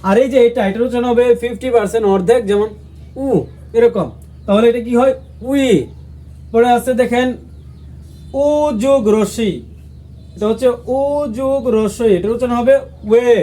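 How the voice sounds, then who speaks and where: Bangladeshi guy teaching a language class, slow patient repeats, warm mellow voice. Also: very high voice, steady tone. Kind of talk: lesson explaining how to say letters.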